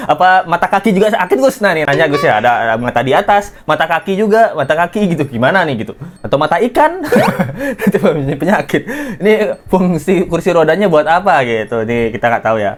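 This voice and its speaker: A man's voice: a little high, very animated, brisk, few pauses. Laughing, mocking male gossip commentator. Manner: mocking, laughs often, jokey wordplay. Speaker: commentary host. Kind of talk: casual gossip reaction commentary.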